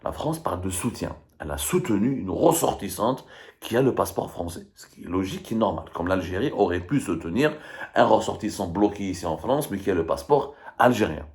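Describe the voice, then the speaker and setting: A man with an Algerian accent delivers live political commentary, reading out statements and picking them apart in an emphatic, argumentative, repetitive way. His voice is low and expressive with a darkish tone, and he talks a little fast.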